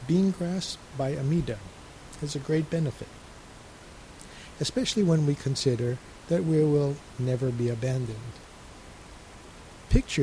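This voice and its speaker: A male resident minister giving a calm, measured radio sermon and reading a letter. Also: medium pitch, slight background noise, rough recording.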